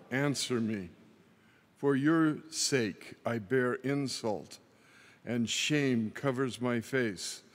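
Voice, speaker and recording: Very slow man with cathedral echo. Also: mid-range voice. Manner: measured, deliberate phrasing with long pauses. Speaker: lector reading the psalm. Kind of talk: slow solemn liturgical reading. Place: large church. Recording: long cathedral reverb.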